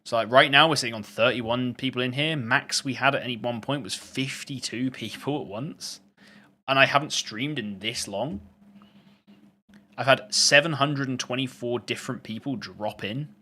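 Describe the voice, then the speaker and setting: A man's voice: medium pitch, normal speed, pushed and bright. A man chatting casually on a live stream, reading out and answering viewer questions. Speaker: gaming streamer.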